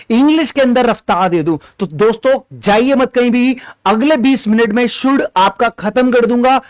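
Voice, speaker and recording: A man with an Indian accent teaching an online spoken-English lesson, energetic and repetitive, drilling his students. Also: high voice, no echo.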